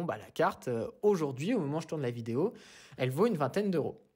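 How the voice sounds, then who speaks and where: A man's voice: on the high side, a little mellow. French guy hosting a casual tutorial, chatty, talks you through every click. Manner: chatty, walks through steps with "hop" and "voilà". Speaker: YouTube host. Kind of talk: casual screen-share tutorial.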